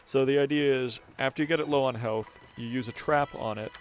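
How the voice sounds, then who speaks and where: A man's voice: mid-range voice, a little fast. A man giving casual let's-play commentary, explaining game mechanics and thinking aloud. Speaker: gameplay commentator. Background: game music.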